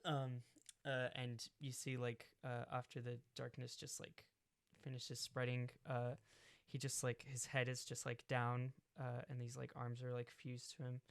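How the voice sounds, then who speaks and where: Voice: mid-range voice, little pitch movement, a little slow, vocal fry, no room sound. A game master narrating a tabletop role-play game, rambling through many fillers. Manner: rambling, many fillers, bursts into loud shouted character lines.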